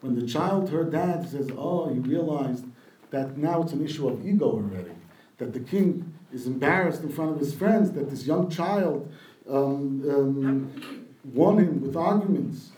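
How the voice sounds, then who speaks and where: A man's voice: fairly high pitch, lively intonation, measured pace, warm tone, roomy sound, recorded from a distance, low-quality recording. A man giving a sermon, retelling a midrash and translating Hebrew quotes as he goes. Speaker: rabbi giving a talk.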